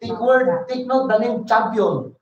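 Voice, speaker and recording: A woman with a high voice preaches a Bible study to her congregation. She reads each verse slowly, then explains it in easy, conversational talk. Her voice echoes around a hall and sounds set back from the mic. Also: dull audio, crowd noise. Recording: echoey room, voice from a distance.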